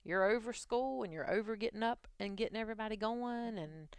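A woman's voice: fairly high pitch, brisk, smooth, no room sound, clean studio sound. A woman in her forties chatting casually, laughing often and saying "like" a lot. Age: 40s. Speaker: employee. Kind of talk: casual chat.

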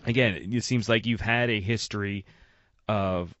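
A man's voice: fairly low pitch, steady tone, moderate pace, a bit bright, no room sound, muffled recording. A man hosting an interview, asking long, rambling questions full of "you know". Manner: rambling, searching for words with many "you know"s. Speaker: podcast host.

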